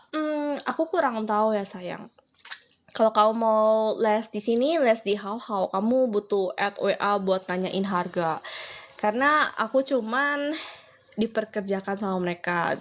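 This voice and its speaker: Young woman, Mandarin tutor, casual chatty live lesson, slows for example phrases. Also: medium pitch.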